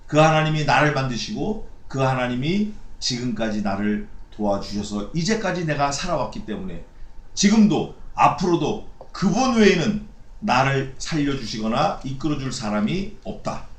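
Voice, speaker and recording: Animated Korean pastor preaching. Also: male voice, mid-range voice, echoey room. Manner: animated preaching, acts out mocking voices. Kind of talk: sermon. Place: church sanctuary.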